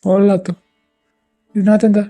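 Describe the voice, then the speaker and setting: A woman's voice: mid-range voice, level tone, moderate pace, warm tone, soft background music, lightly acted. A woman voicing a hurt, betrayed young man who speaks bitterly and accusingly in an amateur audio drama.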